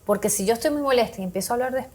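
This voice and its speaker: A woman with a slightly high voice explains how to manage emotions on a talk show. She walks through practical tips with examples and sometimes voices little snippets of what people say to themselves. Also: rapid-fire, darkish tone. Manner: explains with examples, acts out quoted self-talk. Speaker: guest speaker on emotional health.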